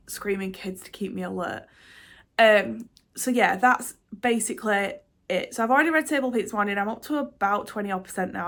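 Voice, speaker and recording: Congested from a cold, a young woman who runs a book vlog gives a chatty, rambling update straight to camera. Her mid-range voice has a slight brightness, and she keeps restarting sentences and saying um while laughing at herself about her reading and her packed week.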